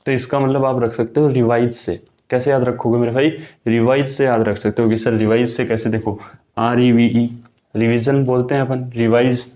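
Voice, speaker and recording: A man's voice: mid-range voice, level tone, normal speed, warm tone. A young man teaching an exam-prep vocabulary lesson in a chatty, casual way, often calling his students brother. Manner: chatty, keeps saying "my brother" and "okay".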